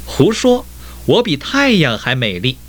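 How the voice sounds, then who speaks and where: Man voicing a shrill, boastful rainbow. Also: huge pitch swings, measured pace, exaggerated voice. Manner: arrogant, shouting back.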